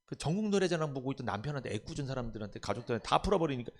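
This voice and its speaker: A man's voice: medium pitch, big pitch swings, very fast. A man pastor preaching a sermon in church, asking the congregation rhetorical questions and acting out family members' voices. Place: church sanctuary.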